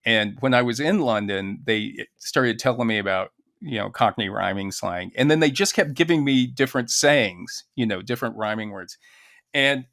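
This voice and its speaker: A man's voice: mid-range voice, moderate pace, creaky, a bit bright, dry recording, studio quality. A man co-hosting a podcast, telling stories in a casual chat and laughing often. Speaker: podcast co-host.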